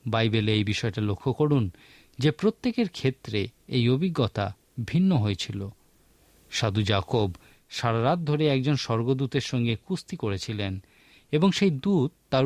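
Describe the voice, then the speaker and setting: A man's voice: medium pitch, darkish tone, dry recording. A man preaching a sermon in an earnest teaching manner, asking rhetorical questions.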